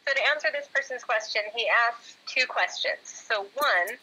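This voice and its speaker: A woman's voice: on the high side, lively intonation, moderate pace, sharp tone, husky, low-quality recording. A woman co-hosting a casual live question-and-answer chat, teasing, giggly and rambling. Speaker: co-host and composer in a live Q&A.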